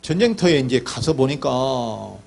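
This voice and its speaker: A man's voice: medium pitch, lively intonation, measured pace, gravelly, a little mellow. A male pastor preaching a sermon, who tells the story vividly, acts out the voices and asks the congregation questions.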